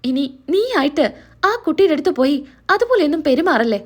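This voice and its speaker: A woman's voice: high voice, very animated, fairly quick. A woman voicing a reproachful older sister who lectures her younger brother.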